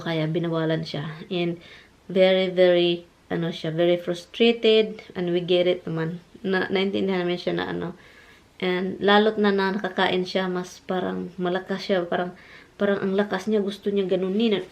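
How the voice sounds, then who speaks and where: Filipina vlogger w a bisaya accent, chatty storytelling, keeps calling viewers guys. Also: female voice, mid-range voice, a little mellow. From Philippines. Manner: chatty, mixes English into Tagalog, addresses viewers as guys. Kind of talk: casual storytelling vlog.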